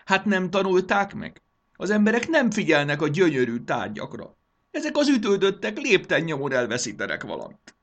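A man's voice: mid-range voice, sing-song, bright, forceful tone, a little hiss or hum, voice pushed up. A man reading a storybook aloud and voicing a hysterical, petulant male ruler who shrieks, sobs and whines. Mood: shrill distress. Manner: shrieking, sobbing, manic laughter.

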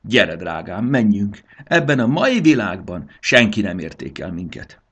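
A man's voice: medium pitch, huge pitch swings, gravelly, fairly bright tone, pitched above the performer's own voice, full character voice. A man voicing a pushy, chirpy pair of matchmaking wedding rings in a storybook. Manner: chirpy, then quick to take offence.

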